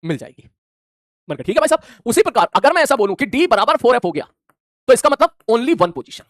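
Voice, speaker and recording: Man, physics teacher, rapid, very animated pitch. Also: dry recording, studio quality. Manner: animated, plays out imagined student replies. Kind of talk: classroom lecture.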